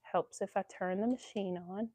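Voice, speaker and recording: A mid-range, mellow voice carries this woman's casual sewing livestream at a normal, steady speed. Allergies have her stuffy, and she chats along loosely with many ums.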